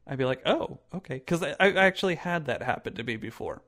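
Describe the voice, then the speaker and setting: A young man chatting casually, laughing often and swearing freely. He talks in hesitant bursts full of fillers, in an ordinary mid-pitched voice. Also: lively intonation, quick pace, a bit bright. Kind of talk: casual chat.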